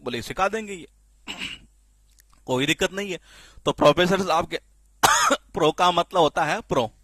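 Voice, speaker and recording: A man teaching spelling in a classroom-style lecture, lively and repetitive, often asking the class questions and answering them himself. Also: high-pitched, moderate pace, dry recording. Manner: lively, repeats questions to the class, frequent filler "ye".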